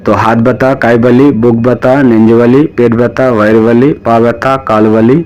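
A man's voice: medium pitch, flat delivery, fairly quick, a little mellow, clean tone, highs cut off. A man with a Bengali accent gives a spoken vocabulary lesson, repeating each word and asking and answering his own questions. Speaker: language teacher.

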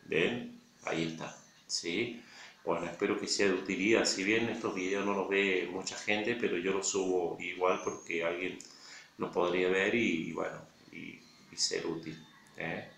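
A man giving a casual video lesson on pronunciation, checking in with "¿sí?" and slowly demonstrating sounds. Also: sits low, fairly even intonation, gravelly, a bit bright, echoey room, slight background noise. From Latin America. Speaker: language teacher.

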